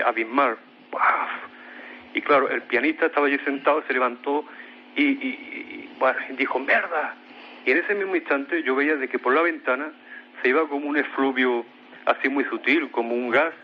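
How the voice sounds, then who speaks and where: A man with a Spain Spanish accent and a medium-pitched voice appears on a radio mystery show, telling of a strange paranormal experience he lived through. He hesitates often and repeats his words. The recording sounds muffled, with a little hiss or hum.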